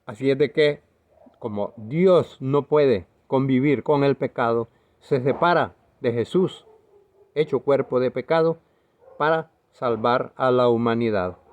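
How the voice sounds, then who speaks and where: A man's voice: medium pitch, measured pace. A man preaching a video sermon in an earnest, emphatic way, now and then correcting himself.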